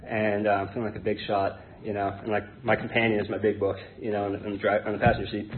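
Born in Hong Kong to an English identity and raised in Connecticut, this American in his thirties shares his story as an AA guest speaker, talking informally in a halting, hesitant, rambling way. He has a lowish voice with little pitch movement, recorded in a tinny, phone-like band over background noise.

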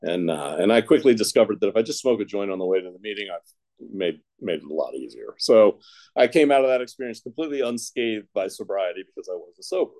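A man from Ohio in the United States, with a somewhat low, mellow voice, tells his recovery story in what sounds like an unscripted talk to a group. He speaks fast with lively intonation, meandering casually, loaded with fillers and restarts, and he jokes dryly at his own expense about his mistakes. The audio quality is poor.

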